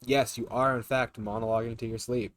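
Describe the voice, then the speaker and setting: A man's voice: mid-range voice, little pitch movement, a little fast. A man streaming a game, reading its text aloud and commenting casually with joking asides. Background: game music.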